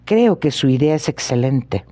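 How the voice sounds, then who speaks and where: A man voicing a proud, impatient elderly country gentleman in an audiobook reading, with curt, testy replies. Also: medium pitch, lively intonation, moderate pace, natural voice.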